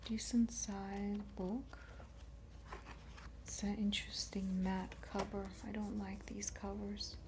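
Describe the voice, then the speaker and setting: A woman speaking in a soft, breathy library whisper, quietly and unhurriedly presenting as an ASMR host. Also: medium pitch, little pitch movement, takes it slowly, background noise. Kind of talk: soft-spoken ASMR whisper, library-style book show and tell.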